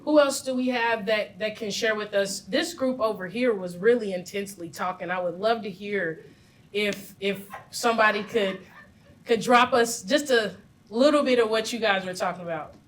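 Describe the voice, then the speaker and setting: Holding a handheld mic in a large meeting room with an audience, a woman hosts a live community meeting, sounding upbeat and encouraging as she invites people to share. Her pitch is medium, her pace moderate, and there's slight background noise.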